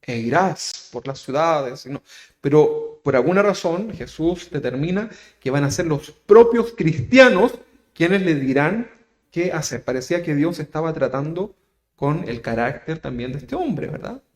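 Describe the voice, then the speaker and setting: A man's voice: on the high side, animated, unhurried. A man preaching as a pastor, explaining scripture conversationally and often checking in with a questioning "right?". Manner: conversational preaching, tags many phrases with a questioning "¿verdad?"; dramatic rises when reading scripture quotes. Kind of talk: sermon teaching.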